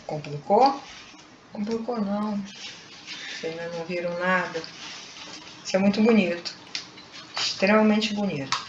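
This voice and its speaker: Slow-speaking woman teacher, echoey. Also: medium pitch, background noise. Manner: patient, explaining slowly with frequent tag questions. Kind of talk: recorded online grammar lesson. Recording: echoey room, dull lo-fi sound.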